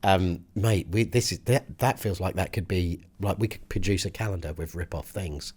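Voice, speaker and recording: A man's voice: low-pitched, normal speed, darkish tone, husky. A British man hosting a podcast in casual comic banter, rambling and hesitant, with dry teasing. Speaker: podcast host.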